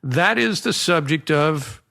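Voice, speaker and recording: An older man from the American Midwest, a pastor hosting a podcast interview in a studio and speaking in a measured, formal, earnest way. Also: a little high, animated, gravelly, sharp tone.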